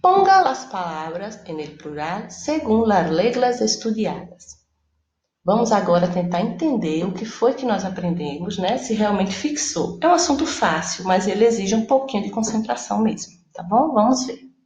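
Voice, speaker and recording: A woman's voice: mid-range voice, sing-song, moderate pace, darkish tone, reverberant. A Portuguese-speaking woman teaching a recorded Spanish lesson, explaining each step and checking in with her students as she goes.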